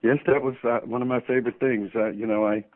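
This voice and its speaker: A man's voice: mid-range voice, steady tone, fast, no echo. Male voice actor guest, from New Orleans, playful raconteur, tinny phone audio. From New Orleans, USA. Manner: playful, jokey storyteller with frequent chuckles. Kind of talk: phone interview chat. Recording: tinny dry phone line.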